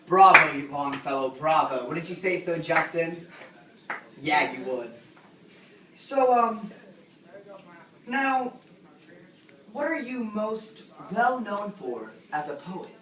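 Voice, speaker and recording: A woman's voice: fairly low pitch, expressive, slow, pauses often, sharp tone, full character voice. Teen girl doing a gushy talk show host, voice bouncing all over, echoey room, far off mic. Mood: gushing. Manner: gushing, showy, fawning over guests. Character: gushing female talk-show host, showy and flattering. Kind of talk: amateur talk-show skit. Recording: echoey room, distant mic, faint noise.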